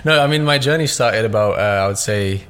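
This young business owner, Russian-born but brought up in southeast London, talks loosely as a podcast guest, leaning heavily on "like" and other fillers. His slightly low voice is brisk and a bit bright, and the recording is clean.

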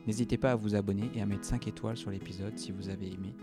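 Low, flat-voiced male podcast host. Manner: earnest, measured delivery. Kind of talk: scripted podcast intro, then casual chat. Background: loud plucked guitar music.

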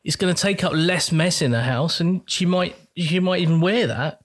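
Male podcast co-host, English accent, fairly high register, conversational, blunt and jokey with free swearing. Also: moderate pace. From England. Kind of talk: casual chat.

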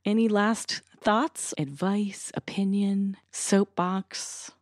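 A woman's voice: mid-range voice, steady tone, takes it slowly, darkish tone, no room sound, studio quality. A woman hosting a podcast, encouraging her guest and laughing often in a casual interview. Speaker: podcast host.

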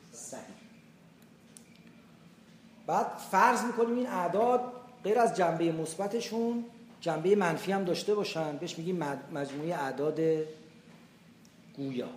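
An older man from Iran giving a tafsir lecture on the Quran, explaining with everyday examples. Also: high voice. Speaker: Quran teacher. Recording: echoey room with faint background noise.

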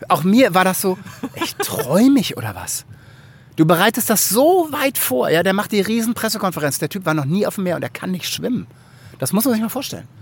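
A middle-aged man from Germany, a guest telling a story in a casual podcast chat. He is animated, laughs often and acts out what people said. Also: sits high, fast, slightly rough.

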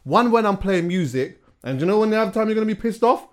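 Young male podcast co-host, lively, slightly raised pitch, casual storyteller. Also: fast. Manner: animated storyteller, drops to quiet asides. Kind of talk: casual chat.

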